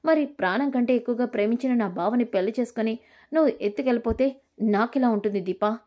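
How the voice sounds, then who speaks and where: A woman's voice: fairly high pitch, fast talker, warm tone, close to an everyday voice. A woman voicing a scheming, spiteful young woman who taunts her rival. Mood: taunting. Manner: taunting, sneering.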